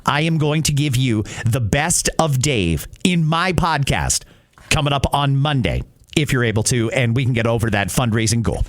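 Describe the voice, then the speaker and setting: A middle-aged podcast host with radio training speaks in a medium-pitched voice at a normal pace. He talks casually and directly to his listeners in short, conversational phrases.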